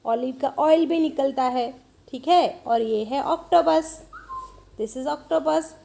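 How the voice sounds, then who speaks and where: A woman teacher leads a children's cursive writing lesson, drawing out letter names and example words slowly. Her voice sits high but has a dark, gravelly edge. She speaks patiently, switching between Hindi and English.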